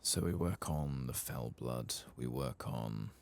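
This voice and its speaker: This man's very deep voice is husky and gravelly, and he murmurs softly and slowly through an ASMR-style video game commentary, yet with an animated quality.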